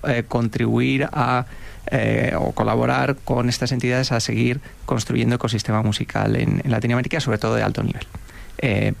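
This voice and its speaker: A man with a strongly gravelly, creaky voice represents a music school in an interview. He speaks hesitantly, with many fillers between his phrases. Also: mid-range voice. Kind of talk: interview answers.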